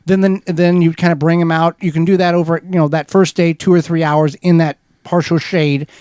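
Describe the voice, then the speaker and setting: A man's voice: a little high, fairly quick, smooth, no echo, clean studio sound. Man explaining gardening steps on air. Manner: steady, methodical how-to explaining with small restarts. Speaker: co-host of a gardening radio show. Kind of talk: explanatory radio chat. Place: radio studio.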